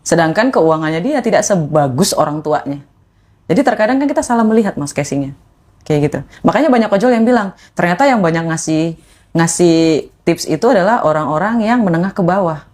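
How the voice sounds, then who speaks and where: A woman, a podcast guest telling a personal story in animated conversation. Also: brisk. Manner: animated, acts out quoted voices with rising pitch.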